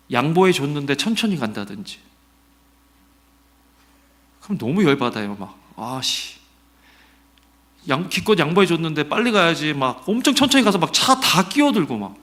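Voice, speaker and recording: A middle-aged pastor whose voice sits on the high side preaches an animated, conversational Sunday sermon. He asks the congregation questions and acts out the quotes he shares.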